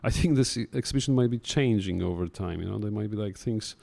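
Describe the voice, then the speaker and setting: A man's voice: fairly low pitch, quick pace, creaky, mellow. A man addressing a talk audience in loose, chatty remarks full of stammering restarts. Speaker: curator in conversation. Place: talk room before an audience.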